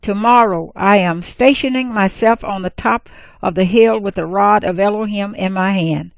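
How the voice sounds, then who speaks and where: A woman reading the lines of Moses, an older male leader, in a measured, earnest voice. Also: medium pitch, gravelly, dry recording, close to an everyday voice.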